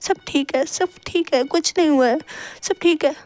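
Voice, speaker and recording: A woman's voice: high voice, moderate pace, no room sound, natural voice. A woman doing a choked-up young man. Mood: pleading. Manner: soft, pleading, choked up. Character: tearful young man comforting his sister. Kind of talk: storytelling role voice.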